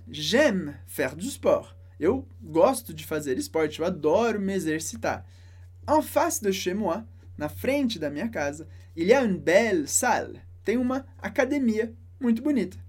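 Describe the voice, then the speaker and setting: Woman teacher, animated husky delivery, careful French lesson read. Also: medium pitch. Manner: slow, careful pronunciation of French phrases. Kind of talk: language lesson explaining a dialogue.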